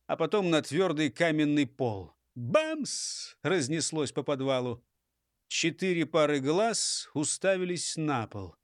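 A man narrating a children's audiobook in an expressive storytelling manner. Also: sits high, dry recording, clean studio sound.

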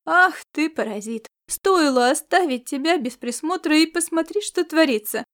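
A woman's voice: high-pitched, animated, moderate pace, a bit bright, voice pushed up. A woman voicing a breezy, self-assured young woman who teases and scolds in a sing-song way. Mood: playful.

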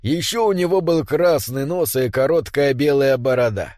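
A man narrating a storybook in an expressive, measured manner. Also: mid-range voice, no room sound, studio quality. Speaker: audiobook narrator.

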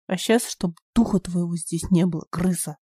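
A woman's voice: fairly low pitch, moderate pace, dark tone, husky, no room sound, clean studio sound. A woman voicing an angry, protective boy who hisses his threats. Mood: menacing. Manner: hissing, menacing.

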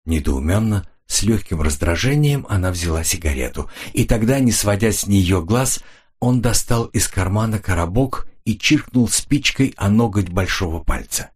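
A man narrating a hardboiled detective audiobook with steady, expressive storytelling. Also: lowish voice, normal speed, husky. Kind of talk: scripted narration.

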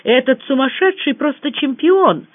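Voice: high-pitched, expressive, moderate pace, dry recording, voice pushed up. An audiobook reader voicing a sullen young man who mutters through clenched teeth, over a tinny phone-like sound. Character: young man, son, sullen after being punched.

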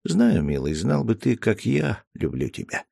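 A man reading a storybook voicing a gentle, loving young woman who speaks softly and coaxingly, with a slightly raised voice. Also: on the low side, big pitch swings, unhurried, creaky, husky, no echo, clean studio sound, pitched above the performer's own voice, exaggerated voice. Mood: tender. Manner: soft, tender, coaxing.

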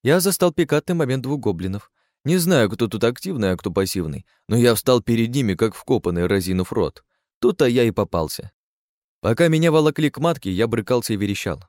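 A man's voice: mid-range voice, expressive, fairly quick, darkish tone, no room sound, studio quality. A man giving sardonic, crude first-person audiobook narration.

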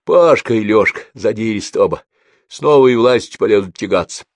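A man voicing a foul-mouthed old man in his eighties on his deathbed, gruff and short of breath. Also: fairly low pitch, expressive, fairly quick, no room sound, studio quality, voice pushed up. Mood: grumbling.

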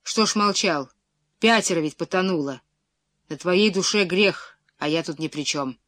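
A woman reading the lines of an imperious, hot-tempered prince who shouts commands in a booming voice. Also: normal speed, no echo, close to an everyday voice. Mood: gruff.

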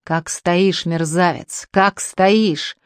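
A woman's voice: on the low side, steady tone, extremely slow, clear, resonant tone, dry recording, studio quality. Woman doing a roaring red-faced old colonel. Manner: roaring, commanding.

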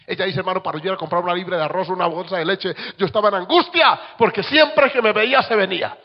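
A man preaching a sermon as pastor, swinging from soft asides to shouted exhortations. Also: high voice, quick pace, muffled recording.

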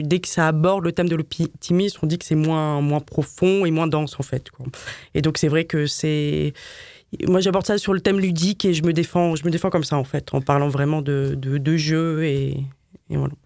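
A woman from Paris, a graphic designer, chatting as a guest in a casual interview, laughing often and filling pauses with many hesitations. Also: sits low, a little mellow, no echo, studio quality. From Paris, France.

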